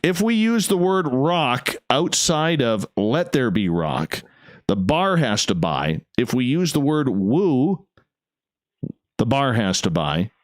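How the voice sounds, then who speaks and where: A man's voice: medium pitch, sing-song, takes it slowly, dry recording, studio quality. A man hosting a casual late-night radio show, effusive and emphatic, often repeating his phrases.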